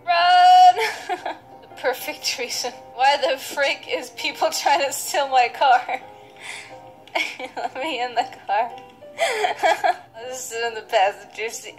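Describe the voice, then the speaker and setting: Giggly lady narrating her game, high voice, talks slow and easy, a little game music going behind. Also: poor audio. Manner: giggly, playful, reads chat aloud. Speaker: gaming video host. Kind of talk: casual let's-play commentary.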